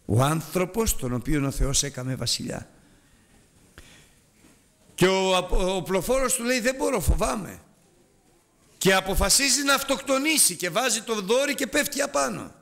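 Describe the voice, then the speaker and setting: A man preaches a sermon, dramatically retelling scripture as his pitch swings sharply up and down. He speaks straight to the congregation and urges them on. His voice is expressive and a bit bright, with some vocal fry.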